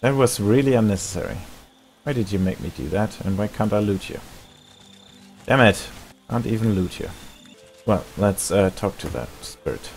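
A man's voice: lowish voice, animated, normal speed, pauses often, a little mellow, faint music behind. A man with a German accent giving wry, dry commentary while playing a game. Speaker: gameplay commentator. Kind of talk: let's play commentary.

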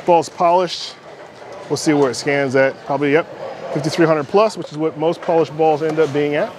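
In a large indoor bowling alley, a middle-aged American man with a somewhat high voice and fairly even intonation demonstrates a product at a normal pace. His casual review comes in short, conversational bursts over constant bowling alley clatter and ambience.

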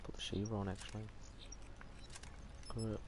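A man with a broad Kiwi accent and a fairly low voice streams a game. His talk is casual and full of slang. There is faint noise behind him on a home gaming mic. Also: little pitch movement, normal speed. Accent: New Zealand. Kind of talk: casual live gameplay commentary.

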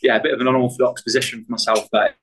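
A soccer player giving hesitant post-match answers to the press, full of fillers and restarts. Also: male voice, medium pitch, level tone, racing, slight background noise, rough recording.

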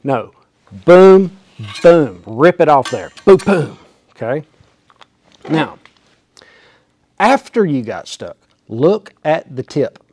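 A very animated man with a high-side, darkish voice speaks slowly and pauses often. The welding instructor, in his forties, shows how it's done in a small indoor workshop, folksy and emphatic, recorded on a lapel mic.

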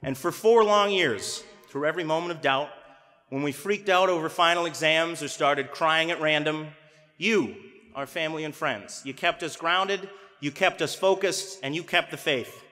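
Young male commencement speaker, bright forceful oratory, podium mic, long arena reverb. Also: fairly high pitch, moderate pace. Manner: rousing oratory, rises to shouts. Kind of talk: formal commencement speech. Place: large arena stage at a podium. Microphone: podium microphone.

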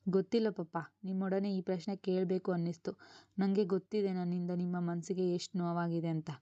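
Woman doing a feisty young girl in a storybook, pleading, mellow voice. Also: on the low side, little pitch movement, brisk, no room sound, lo-fi sound, close to an everyday voice. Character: young woman, spirited hot-tempered daughter.

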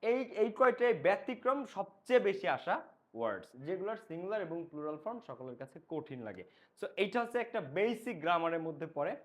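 A young Bangladeshi-accented man teaches grammar in a high, animated voice. He drills each word by saying it again and again. He keeps checking that his students are following. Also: a little fast. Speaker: English teacher. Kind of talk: grammar lesson.

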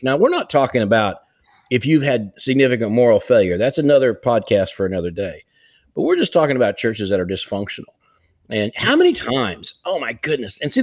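An older man on a video call co-hosts a casual podcast over a headset, offering earnest, emphatic encouragement; he leads church revitalization work. His medium-pitched voice has a darkish tone, recorded dry in a room at home.

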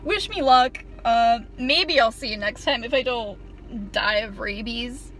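A young vlogger rambles through a casual, self-deprecating story in her parked car, filmed from the dashboard and peppered with ums and sarcasm. Faint music plays behind her unhurried, slightly high and bright voice.

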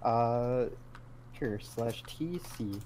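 A man's voice: mid-range voice, very slow, mellow, a little hiss or hum. A man with a middling voice playing a game with friends, sounding jumpy and nervous as he jokes. He laughs a lot, and keyboard typing can be heard behind him. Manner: nervous, joking, laughs often. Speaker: player in a group game video. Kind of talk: casual gaming chat.

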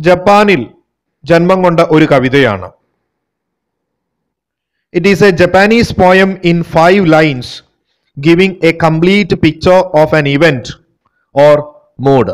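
A young adult man with a Malayali accent teaching a lesson, explaining each point and then reading the English lines slowly. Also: a little high, clear, resonant tone, poor audio. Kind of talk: lecture mixing Malayalam and English.

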